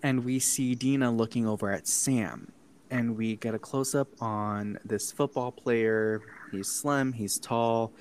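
In this poor-quality clip with a little hiss or hum, a man of medium pitch speaks slowly while chatting casually with a co-host about a horror movie. He swears a lot, laughs between his lines, and stays animated throughout.

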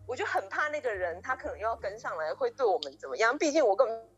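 A woman's voice: fairly high pitch, very animated, fast, highs cut off, soft background music. A young woman co-hosting a podcast, eagerly retelling a story with many restarts and quoted dialogue. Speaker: podcast co-host. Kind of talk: casual storytelling chat.

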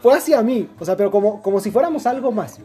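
A man's voice: high voice, lively intonation, fast, warm tone. A young man with a Mexican accent telling a long personal story in a casual chat, slangy and rambling, with many restarts.

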